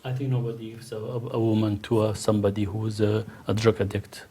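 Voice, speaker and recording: A man's voice: fairly low pitch, monotone, fast talker, mellow, slightly rough. A middle-aged man from the Kurdish region of Iraq, speaking as a panel guest in a hesitant way, with many restarts and fillers. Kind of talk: panel discussion.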